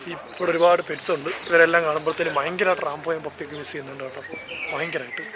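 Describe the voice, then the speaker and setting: A man's voice: on the high side, little pitch movement, rapid-fire, heavy background noise. A man with a Malayali accent narrating a casual travel vlog as he walks outdoors, holding the camera and chatting enthusiastically, often correcting himself. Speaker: travel vlogger. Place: outdoors walking through a seaside town and park. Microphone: handheld camera while walking.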